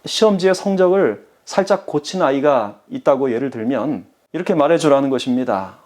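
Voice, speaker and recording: A man's voice: mid-range voice, animated, fairly quick, a little mellow. A man giving a sermon as pastor, earnestly addressing the congregation.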